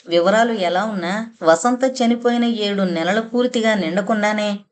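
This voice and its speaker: A woman narrating a novel in a steady, measured storytelling voice. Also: mid-range voice. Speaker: audiobook narrator.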